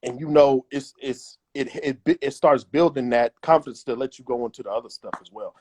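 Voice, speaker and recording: A man's voice: mid-range voice, fairly quick, darkish tone. Emphatic man giving casual advice. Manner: emphatic and repetitive, acts out imagined voices. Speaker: interview guest.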